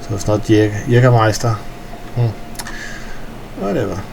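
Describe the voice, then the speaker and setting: A tired Danish man, speaking with a Danish accent, rambles through a casual game walkthrough as he tours his in-game hangar, full of hesitant fillers. His voice is on the low side and creaky, at a moderate pace, with a noisy background.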